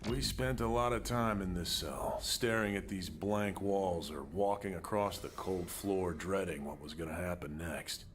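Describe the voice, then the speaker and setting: An actor playing a reflective former captive in a video game, narrating in an articulate, wry and measured way. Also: male voice, low voice, background noise.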